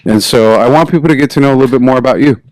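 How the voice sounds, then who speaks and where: A man's voice: medium pitch, racing, a little mellow, no room sound. A man hosting a podcast and asking a guest friendly, easygoing questions. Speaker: podcast host. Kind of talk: casual podcast interview.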